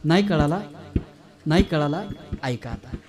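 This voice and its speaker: Kirtan preacher, high voice, playful, quizzes the crowd. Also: male voice, unhurried, loud music behind the voice. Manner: animated, teasing, quizzes the audience. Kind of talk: humorous kirtan storytelling.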